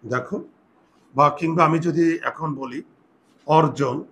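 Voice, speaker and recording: A man's voice: fairly high pitch, a little slow, pushed and bright. A man teaching a Bengali grammar lesson, patiently repeating key points and asking and answering his own questions.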